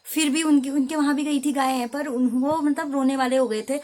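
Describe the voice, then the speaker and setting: A woman's voice: high-pitched, steady tone, normal speed, darkish tone. A young woman from Uttarakhand with a Kumaoni accent, chatting casually and rambling in a village vlog, correcting herself as she goes. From Uttarakhand, India. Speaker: vlogger. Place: outdoors at a village home.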